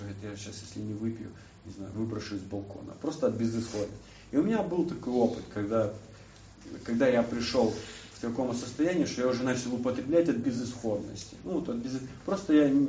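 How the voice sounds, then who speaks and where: A young man tells his own story to a listening group, his speech halting and full of restarts. His voice is mellow and unforced. He is picked up from a distance in an echoey hall, the sound a bit dull, with faint room noise behind him. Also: mid-range voice. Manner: halting, searching for words, many restarts. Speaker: recovery speaker sharing his story. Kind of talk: personal testimony to a group.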